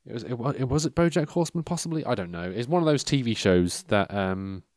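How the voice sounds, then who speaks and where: Animated and quick-paced, a mid-range voice with a slightly mellow quality belongs to a man in his thirties. He wanders through a casual monologue, self-interrupting and losing his train of thought, with dry self-deprecating wit, and no room sound.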